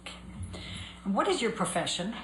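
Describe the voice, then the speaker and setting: Businesslike female attorney questioning the stand, mid-pitched voice, roomy courtroom recording with light hiss. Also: big pitch swings, a little fast, a bit bright. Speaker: trial attorney. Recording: echoey courtroom recording, faint noise.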